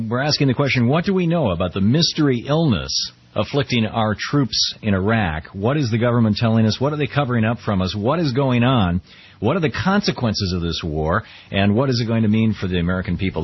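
Man, radio host, low pitch, raspy, muffled broadcast sound. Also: lively intonation, fast talker. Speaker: radio talk show host. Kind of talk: radio interview and segment outro.

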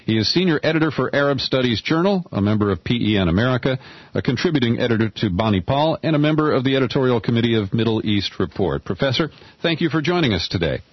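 A man's voice: medium pitch, lively intonation, fast, husky, dry recording. A man hosting a radio talk show, introducing and questioning a guest in a casual, self-deprecating way, recorded on a dull lo-fi studio mic. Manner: casual, self-deprecating about running the board himself. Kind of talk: radio interview.

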